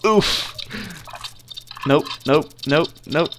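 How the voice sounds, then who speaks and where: A man's voice: fairly high pitch, extremely slow, slight background noise. A man hosting an online game session as a police trainer, bossy and mocking. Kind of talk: casual gaming chat.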